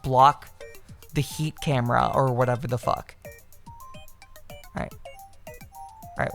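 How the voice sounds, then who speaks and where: Excitable gravelly-voiced woman streamer. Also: low voice. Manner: excitable, swears casually, reads on-screen text aloud. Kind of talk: casual live-stream commentary.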